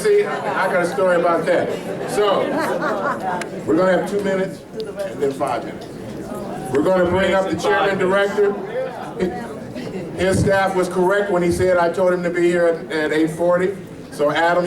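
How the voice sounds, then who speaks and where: A man with a fairly high voice acts as emcee at a political caucus meeting, hyping up the crowd and calling out names of guests. He is heard from a distance in an echoey hotel ballroom, with a lively crowd clearly audible behind him. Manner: hype-man crowd calls. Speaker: caucus chair hosting meeting.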